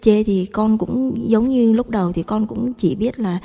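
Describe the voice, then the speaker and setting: A woman with a fairly high, mellow voice gives a faith testimony to a priest. She talks humbly and rambles, repeating phrases as she goes. The sound is a long echo in a large hall. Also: a little slow, vocal fry, breathy edge. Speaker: mother giving testimony.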